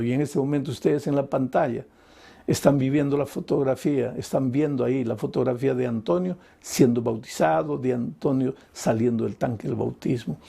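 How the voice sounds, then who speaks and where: A male pastor preaching an evangelistic sermon, emphatic and pleading, his voice swinging between high and low. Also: creaky, mellow, slightly rough.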